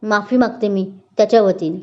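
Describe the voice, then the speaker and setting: A woman voicing Akanksha, a gentle and sincere young college woman in a spoken story. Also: mid-range voice, fairly even intonation, brisk, natural voice. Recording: dull lo-fi recording.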